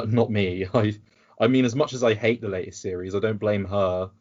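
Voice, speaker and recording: A man's voice: on the low side, steady tone, moderate pace, darkish tone, highs cut off. A British man talking in a casual podcast chat, rambling and sarcastic, with frequent restarts. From United Kingdom. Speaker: podcast guest.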